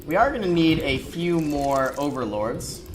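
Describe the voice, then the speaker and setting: A casual gamer narrates a strategy walkthrough in a mid-pitched voice. Game sounds and noise run clearly behind the commentary. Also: expressive, a little slow, rough recording. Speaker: gameplay commentator.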